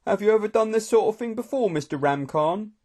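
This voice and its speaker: A man voicing an eager, excitable young man who talks in a breathless, enthusiastic rush. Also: high voice, fairly quick, pitched above the performer's own voice. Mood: excited.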